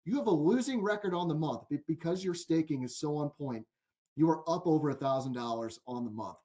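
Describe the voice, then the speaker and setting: A man with a fairly high voice co-hosts a sports betting podcast. He chats loosely, laughs often, and leans on filler words. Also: fairly quick, mellow. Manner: chatty, laughs easily, full of fillers like "like". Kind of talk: casual podcast chat.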